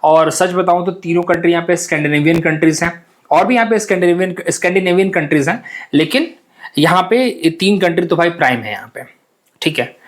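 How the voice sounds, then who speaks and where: A young man talks through a map lesson for exam students in a relaxed, chatty way. He repeats himself, asks his listeners questions and drops English words into his talk. His voice sits a little high for a man. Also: fairly quick. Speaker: exam coaching teacher.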